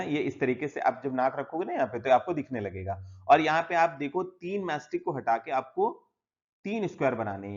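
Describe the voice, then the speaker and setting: A man at a middle pitch teaching a textbook lesson, speaking Hindi with English words mixed in. He works through each exercise step by step and checks in with "theek hai" as he goes. The recording sounds slightly dull and lo-fi. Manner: explains step by step, often saying "yahan pe" and "theek hai".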